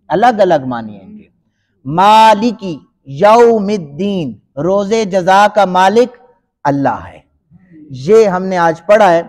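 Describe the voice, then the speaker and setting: A male Quran teacher giving a tajweed lesson, explaining step by step and stretching words out in slow recitation. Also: high-pitched, darkish tone. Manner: explains slowly, then recites in long drawn-out chanting.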